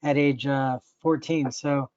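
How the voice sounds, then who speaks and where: A man's voice: medium pitch, fairly even intonation, takes it slowly, a little mellow, no echo, highs cut off. A man in his thirties from the United States, introducing himself as a panelist in an easygoing way. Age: 30s. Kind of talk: self-introduction.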